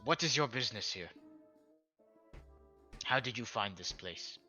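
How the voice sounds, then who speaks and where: A man's voice: medium pitch, expressive, a little slow, pushed and bright, soft background music. A man voicing a wary old reptile sage. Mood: guarded. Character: elderly hunched reptilian male sage, wary.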